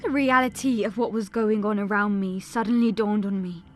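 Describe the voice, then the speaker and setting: In a medium-pitched, fairly even voice close to everyday speech, a woman talks at a normal speed over soft background music. In a scripted audio drama, she plays an earnest young pilgrim narrating a family tragedy.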